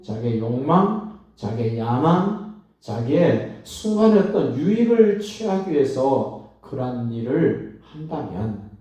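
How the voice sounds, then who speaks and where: A male pastor delivers a sermon, reading a scripture passage and then unpacking it phrase by phrase with weighty pauses. His voice is mellow and dark, and it rings through a very reverberant sanctuary from some distance off the microphone. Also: on the high side. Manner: reads scripture aloud, then expounds with emphatic pauses. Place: church sanctuary at a dawn prayer service. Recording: very echoey church hall, voice from far off.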